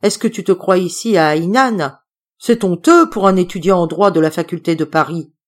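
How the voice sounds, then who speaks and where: Woman doing a gruff old uncle, bossy, booming, quick to scold. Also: close to an everyday voice. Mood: stern.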